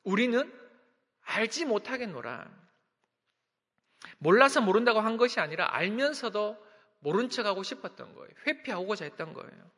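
A man's voice: high-pitched, big pitch swings, normal speed, pauses often, sharp tone, big-room sound. A man preaching a sermon as a pastor, emphatic, with sudden drops in volume.

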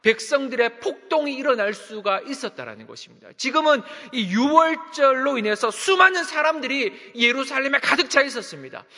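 A man's voice: very high voice, very animated, a little fast, few pauses, bright, forceful tone, big-room sound. A man preaching a sermon as a pastor, emphatic, with sudden drops in volume.

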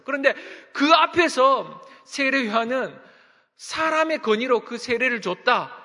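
A man's voice: very high voice, pushed and bright, long reverb tail. A man preaching a sermon as a pastor, emphatic, with sudden drops in volume.

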